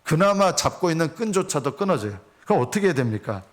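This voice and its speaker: Brief: male pastor, earnest sermon, slightly high voice, rhetorical questions. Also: sing-song, fast talker.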